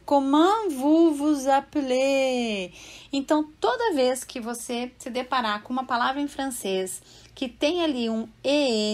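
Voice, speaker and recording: High-voiced woman teaching French pronunciation. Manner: explains patiently, checks in with "tá?" and "né?"; slows down to model French words. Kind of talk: pronunciation lesson.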